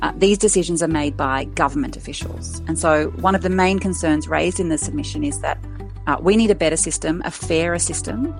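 A woman giving measured, articulate formal comment as a legal expert in an interview. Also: low-pitched, gravelly, soft background music.

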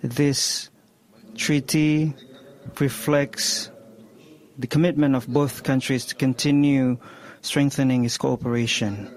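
Give me a male interpreter doing a translation voice-over, unhurried and hesitant. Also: mid-range voice, fairly even intonation. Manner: slow, halting delivery with restarts. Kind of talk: spoken translation voice-over of a speech.

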